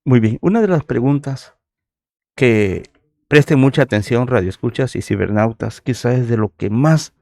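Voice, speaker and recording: A man hosting a radio interview, asking questions in a measured, formal way. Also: mid-range voice, gravelly, mellow, no room sound, studio quality. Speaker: radio host.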